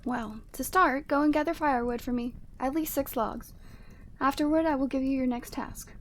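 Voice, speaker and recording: A woman performs as a haughty yeti woman for a scripted ASMR roleplay, delivering her lines in a high-pitched, formal, measured and commanding way. The mood here is solemn while she gives instructions.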